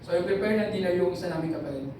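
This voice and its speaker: A woman preacher, giving a lively storytelling sermon that mixes languages and imitates other people. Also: lowish voice, rapid-fire, noisy background. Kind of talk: sermon mixing Tagalog and English. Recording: echoey hall from far off, faint ambience.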